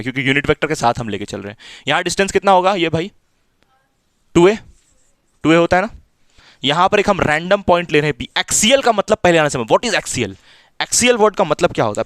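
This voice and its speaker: A man's voice: on the high side, a bit bright, no echo, studio quality. A man tutoring physics in a small room, repeating himself as he coaxes and mildly scolds his students. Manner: repetitive, coaxing, mildly scolding. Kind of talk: classroom teaching.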